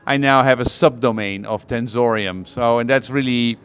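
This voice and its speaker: A man's voice: mid-range voice, normal speed, smooth. A male host interviewing a guest in a casual tech chat, asking probing follow-up questions with enthusiasm.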